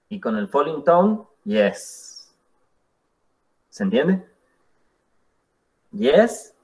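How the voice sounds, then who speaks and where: A man teaching an English class, explaining slowly and patiently with spoken examples. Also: medium pitch. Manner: slow, patient explaining with demonstrations. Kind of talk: classroom lesson.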